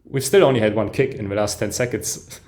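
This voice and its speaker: On the low side and fairly quick, a man's voice carries his live reaction to an album. The music reaction host sounds enthusiastic, with soft "ooh"s, chuckles, and sentences he keeps breaking off and restarting while listening.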